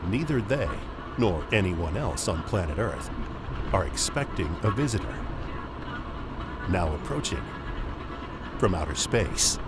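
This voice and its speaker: Deep-voiced dramatic documentary narrator, a man. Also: very animated, measured pace, pauses often, very noisy. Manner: dramatic, portentous delivery. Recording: music under the voice. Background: dramatic music.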